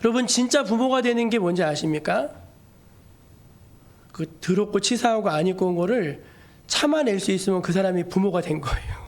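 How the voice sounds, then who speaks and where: Male pastor, high voice, animated storytelling sermon. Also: moderate pace.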